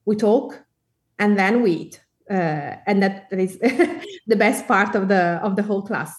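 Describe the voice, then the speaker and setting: A woman with an Italian accent talking as an interview guest, relaxed and friendly with easy laughs. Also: medium pitch, measured pace, distant mic. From Italy. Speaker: guest cookbook author. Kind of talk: casual interview chat.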